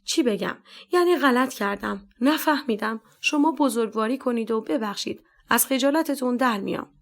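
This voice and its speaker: A woman's voice: fairly high pitch, close to an everyday voice. A woman doing a fawning, pleading man. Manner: pleading, flattering, servile. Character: pleading middle-aged man, meek and fawning.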